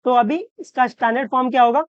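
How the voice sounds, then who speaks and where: A woman maths tutor from Maharashtra explains a problem step by step, often checking that the students follow and slowing down to stress each rule. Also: high-pitched, steady tone, smooth, no room sound, muffled recording. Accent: Hindi-English mix, Maharashtra. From Maharashtra, India. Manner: checks understanding with repeated questions; slows down to stress key rules.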